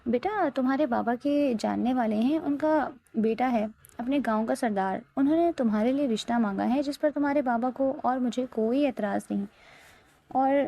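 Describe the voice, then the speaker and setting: A stern, domineering middle-aged mother from a spoken storybook, as a woman narrator puts her on. The voice is a little high, with a gravelly edge and a mellow, dark tone. She lays down orders without room for reply. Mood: firm. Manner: domineering, scolding.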